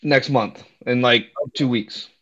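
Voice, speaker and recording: A man's voice: medium pitch, slow pace, fairly bright tone. A man giving his views casually as a panelist in a sports discussion. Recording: dull, muffled lo-fi sound.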